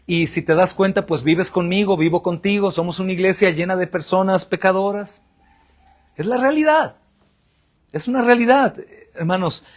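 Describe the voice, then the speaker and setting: Male pastor, Mexican Spanish accent, high-pitched voice, sermon delivery, asks and answers his own questions. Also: moderate pace. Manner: preaching with rhetorical questions and answers; addresses the congregation as brothers.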